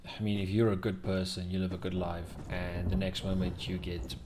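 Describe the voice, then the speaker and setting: Low voiced guy chatting casually over his gameplay, game ambience noise clearly behind him. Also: little pitch movement, normal speed. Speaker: gamer playing and commenting. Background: video game ambience.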